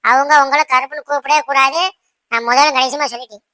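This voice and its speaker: Woman playing a firm cartoon wife, high bright voice, insists and lectures at a quick clip. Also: steady tone, no echo. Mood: insistent. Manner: insistent, lecturing, repeats "சரியா?". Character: young wife, proud, stubborn, quick to anger. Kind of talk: cartoon voice acting.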